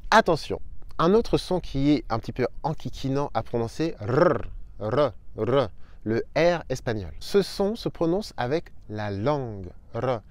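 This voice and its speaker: A young adult man giving an upbeat online language lesson, slowly spelling out sounds for his viewers. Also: mid-range voice, sing-song, dry recording. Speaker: Spanish teacher.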